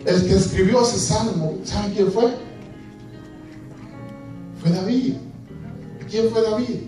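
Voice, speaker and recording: A man's voice: high voice, slow pace, over music. A man preaching a sermon to a congregation, asking questions and acting out scripture scenes. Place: church hall. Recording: echoey church hall from far off.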